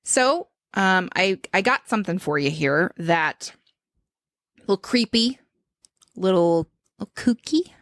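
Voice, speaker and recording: A woman hosting a podcast in casual chat, an animated storyteller who laughs often. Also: lowish voice, slow, long pauses, dry recording, studio quality. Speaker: podcast host.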